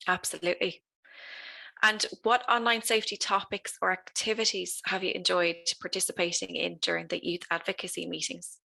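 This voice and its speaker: A woman's voice: on the low side, level tone, moderate pace, gravelly, pushed and bright, low-quality recording. A woman with an Irish accent leading a structured interview as a youth officer.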